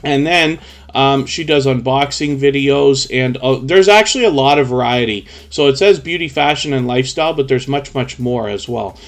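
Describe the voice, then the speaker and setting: Guy hosting a livestream, normal mid pitch, chatty, keeps going in long run-on explanations. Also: moderate pace. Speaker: live stream host. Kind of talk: chatty live stream commentary.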